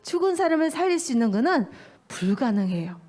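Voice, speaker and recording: A woman preaching to small children, telling a story with animated, exaggerated delivery. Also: high-pitched, fairly quick. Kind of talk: storytelling sermon for young children.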